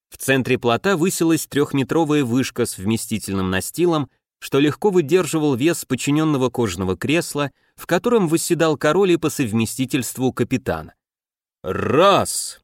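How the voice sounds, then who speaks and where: A man's voice: medium pitch, no room sound. Man narrating an audiobook, dry close sound. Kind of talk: scripted narration.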